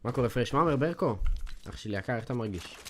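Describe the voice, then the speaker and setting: Excitable teen gaming streamer. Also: male voice, mid-range voice. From Israel. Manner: slangy, excitable, keeps calling out to chat and players. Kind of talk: casual livestream chat while playing. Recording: noisy stream audio with clicks.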